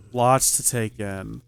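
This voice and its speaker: Lively, wonder-struck man. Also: a little high, a little hiss or hum. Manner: animated, wonder-struck, thinks aloud with many questions. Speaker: Minecraft let's play host. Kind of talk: excited gameplay commentary.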